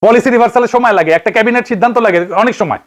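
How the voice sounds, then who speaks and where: A man's voice: extremely high pitch, racing. A man from Bangladesh with a Bangladeshi Bengali accent, giving an investigative political commentary monologue, firing rhetorical questions and answering them himself.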